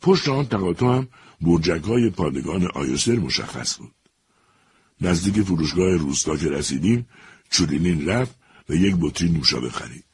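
A man with a very low, deep voice reads a story aloud in a measured, even way. His narration is steady and deliberate. A faint hiss runs beneath the recording.

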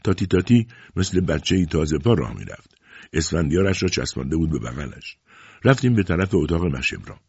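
A man narrating a novel aloud in an expressive storytelling manner. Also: rumbling low, creaky, breathy edge, no echo. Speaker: audiobook narrator. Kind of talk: scripted narration. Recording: dull lo-fi recording.

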